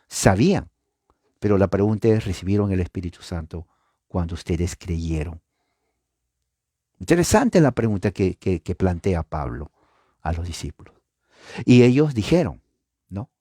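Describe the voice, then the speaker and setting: A male preacher giving an animated Bible teaching, his pitch swinging widely as he stresses points and puts questions to his listeners. His voice is low, dark and a little husky, recorded close and dry with no room sound. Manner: animated, pitch jumps up for emphasis and acted-out echoes; addresses listeners with rhetorical questions.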